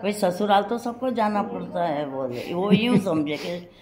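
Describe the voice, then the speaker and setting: A woman's voice: on the low side, measured pace. An older woman telling her life memories in a rambling storytelling way, acting out what other people said, recorded in a hospital room. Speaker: interviewee recalling her past. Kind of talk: personal memoir storytelling. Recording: roomy recording with crowd noise.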